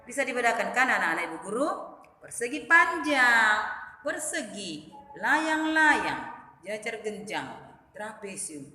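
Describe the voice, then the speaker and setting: A woman teacher talks to young pupils in a bright, sing-song voice, stretching some words and rising and falling a lot in pitch. She records her lesson in a room that rings with a long, echoey reverb. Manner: sing-song teacherly address to children, lively and drawn-out. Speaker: primary school teacher. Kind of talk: recorded online class lesson.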